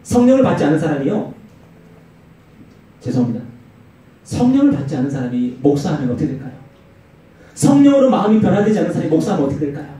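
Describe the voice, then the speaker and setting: A man's voice: fast talker, pauses often. A man preaching a youth sermon in a church, telling stories and acting out the quotes. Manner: animated storytelling with acted-out quotes and swinging pitch. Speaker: youth pastor. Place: church hall. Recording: very echoey hall, mic far off.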